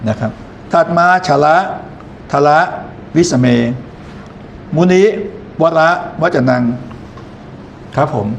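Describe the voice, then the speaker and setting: A man's voice: mid-range voice, creaky, a little mellow, slight background noise. A man lecturing in an explanatory way, often posing questions to his listeners and then answering them himself. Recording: echoey room, faint ambience.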